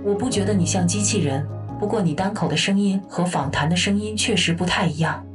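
A woman voicing a calm female AI voice assistant who talks in an even, matter-of-fact way. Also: medium pitch, brisk, far from the mic, faint music behind, close to an everyday voice.

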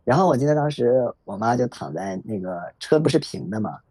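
A man in his thirties telling a personal story in a reflective, halting way, with many fillers. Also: mid-range voice, lively intonation, mellow, slightly rough, dry recording. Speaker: podcast guest sharing a personal story. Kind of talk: emotional first-person storytelling. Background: faint background music.

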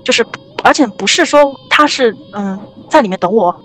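A young woman casually telling a ghost story on a podcast, rambling and animated with many restarts. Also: fairly high pitch, normal speed, soft background music.

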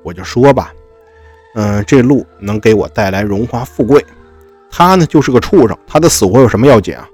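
A man voicing a greedy, ungrateful man who fawns and schemes, with a husky voice. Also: mid-range voice, expressive, brisk, darkish tone, faint music behind. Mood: scheming. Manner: scheming, fawning.

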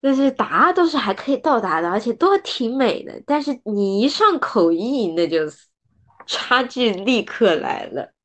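A woman chatting casually on a book podcast, lively and quick to laugh while giving examples. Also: a little high. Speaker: podcast co-host; former translation student. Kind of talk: casual book-club chat.

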